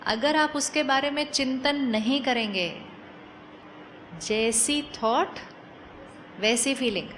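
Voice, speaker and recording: A woman giving a calm, persuasive spiritual talk to a live audience, often asking questions and mixing in English phrases. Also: high-pitched, takes it slowly, long pauses, a little hiss or hum. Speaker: spiritual speaker.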